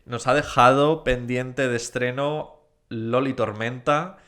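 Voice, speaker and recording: A man hosting a podcast in casual chat, growing animated when he gets enthusiastic. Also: medium pitch, takes it slowly. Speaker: podcast host.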